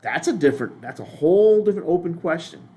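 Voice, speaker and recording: A man's voice: a little high, animated, quick pace, mellow. An older man teaching a lay ministry class in a casual, rambling way, often restarting his sentences.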